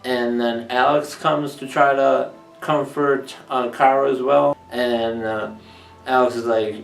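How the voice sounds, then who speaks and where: A man casually recapping a TV episode, joking as he goes and slipping into quick voices for the characters. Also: medium pitch, fairly even intonation, creaky. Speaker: TV episode reviewer. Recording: roomy, distant mic with music underneath.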